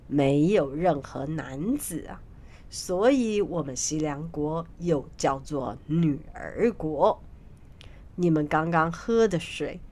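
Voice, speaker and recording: A woman voicing a kindly, wrinkled old woman in a storybook tale, speaking low and hushed. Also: heavily acted.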